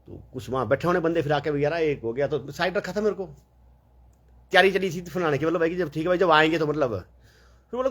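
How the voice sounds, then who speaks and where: A man telling a long, rambling story in a casual, chatty way, full of fillers and quoted dialogue. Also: on the high side.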